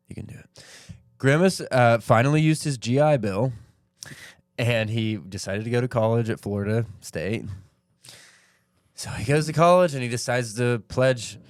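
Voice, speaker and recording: A man's voice: mid-range voice, clear, resonant tone, dry recording, clean studio sound. A man co-hosting a comedy podcast, riffing goofily and laughing often. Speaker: podcast co-host. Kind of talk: casual comedy chat.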